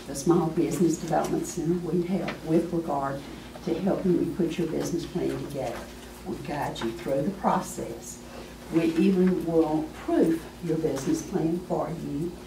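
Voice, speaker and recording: Hoarse woman speaking in an echoey room. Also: deep voice, far from the mic, noisy background. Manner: folksy, emphatic and conversational. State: hoarse, clearing her throat. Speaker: small business adviser. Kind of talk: presentation to an audience. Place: meeting room with an audience.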